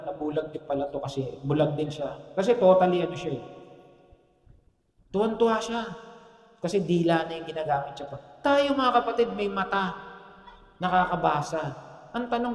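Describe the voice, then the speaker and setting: A man with a high voice preaches to a church congregation, telling stories and calling out for amens. His voice rings through a large hall with a long reverb tail. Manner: storytelling preacher, asks the congregation for amens, jokes. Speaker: pastor. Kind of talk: sermon.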